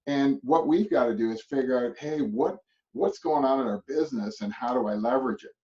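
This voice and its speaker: A man's voice: medium pitch, brisk, mellow. A middle-aged man from Canada giving a motivational presentation to real estate agents, rambling and chuckling, with many a tag "right?". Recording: distant muffled mic.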